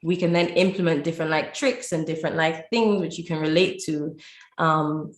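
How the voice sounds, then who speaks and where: A woman's voice: sits low, steady tone, normal speed. A woman from Lucia, answering conversationally as an interview guest who teaches language. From Saint Lucia. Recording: roomy, echoey sound.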